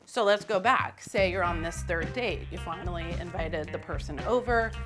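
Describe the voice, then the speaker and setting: A woman's voice: on the low side, normal speed, over music. A woman hosting a casual cooking demonstration in a kitchen, chatty and playful, with loose, offhand phrasing. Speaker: cooking host. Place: home kitchen.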